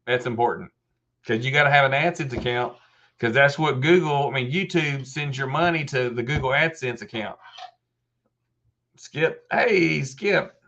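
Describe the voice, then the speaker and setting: A man's voice: medium pitch, moderate pace, sharp tone, lo-fi sound. A man in his fifties hosting a live question-and-answer stream, explaining step by step in a casual way with many restarts. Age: 50s. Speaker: host of a live help desk stream.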